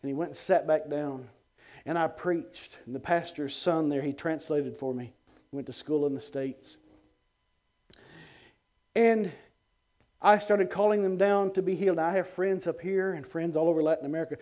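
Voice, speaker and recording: A middle-aged man, a guest evangelist, telling an animated testimony on a TV show, dropping to hushed tones and bursting out loud with chuckles. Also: normal speed. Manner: swings between hushed low tones and loud excited outbursts, chuckling.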